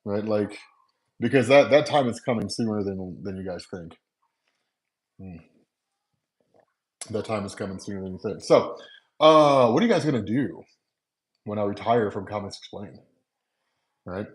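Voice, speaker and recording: He's a comics channel host in his forties, chatting with live-stream viewers while making coffee at home, his talk loose and full of fillers and laughs into wireless earbuds. His lowish voice is expressive, at a moderate pace with frequent pauses.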